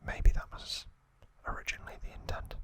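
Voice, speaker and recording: Short whispered phrases with pauses come from a man hosting an ASMR video; his recap is soft, breathy and unvoiced.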